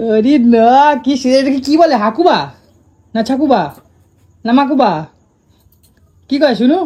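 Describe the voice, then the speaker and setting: A woman's voice: high-pitched, measured pace, warm tone, slightly rough. A woman coaxing and teasing playfully as a vlog host in casual family banter.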